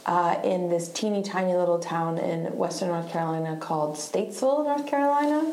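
A woman's voice: lowish voice, brisk, a little mellow, a little hiss or hum. A woman of about thirty, originally from Argentina, shares her story as a podcast guest. She rambles easily, leans on "like", and drops the odd swear word. Her voice carries the roomy echo of a live bar taping. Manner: chatty, lots of "like", swears freely. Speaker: guest musician. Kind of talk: casual storytelling interview. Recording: roomy live venue sound.

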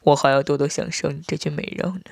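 A man playing a smug, scheming young husband in an audio story, speaking in a low, teasing, self-satisfied way. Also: steady tone, fast, vocal fry, no echo, clean studio sound.

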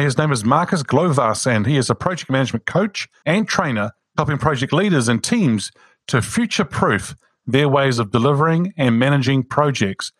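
A man's voice: medium pitch, fairly bright tone, no echo, clean studio sound. A man hosting a podcast, reading an upbeat opening and welcoming a guest. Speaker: podcast host. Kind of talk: scripted opening, then interview.

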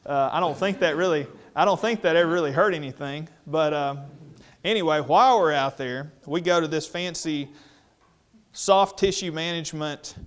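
Man telling a self-deprecating story. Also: fairly high pitch. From Mississippi. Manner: self-deprecating, animated, mimics other voices in quotes. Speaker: dentist speaking to dental professionals. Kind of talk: humorous storytelling talk to an audience.

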